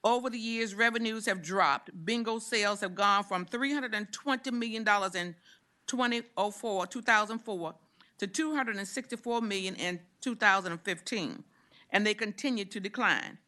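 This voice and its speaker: A woman senator presenting a bill to a committee, reading its provisions in a brisk, steady way. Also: mid-range voice. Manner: brisk, reads provisions steadily, stumbles on repeats when challenged. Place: legislative committee room.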